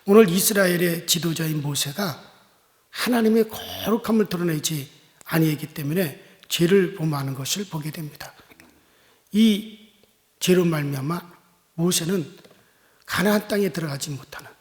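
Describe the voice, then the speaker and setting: A pastor preaching a sermon, emphatic, with rhetorical asides to the congregation. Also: male voice, fairly high pitch, moderate pace, pauses often. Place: church sanctuary. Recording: long church reverb.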